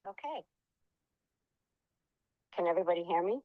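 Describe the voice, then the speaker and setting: A woman's voice: on the low side, expressive, moderate pace, dry recording. A middle-aged woman giving testimony at a public hearing by phone, heard over a speakerphone, hesitant with many ums and uhs. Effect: heard over a speakerphone call. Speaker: union member giving testimony. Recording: dull lo-fi phone sound.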